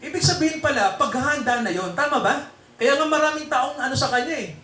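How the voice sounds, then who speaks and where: A man delivering a sermon and a prayer to a congregation, peppering them with tag questions. His voice sits high and sounds bright and sharp. It comes from a distance in a reverberant hall, with a faint hum of room ambience behind him. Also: expressive, fairly quick. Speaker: preacher. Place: church hall before a congregation.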